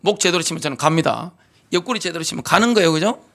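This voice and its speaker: A man's voice: a little high, expressive, fast talker, gravelly, a bit bright. A middle-aged man with a Gyeongsang Korean accent, preaching a sermon as pastor, emphatic and full of rhetorical questions. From Gyeongsang region, South Korea.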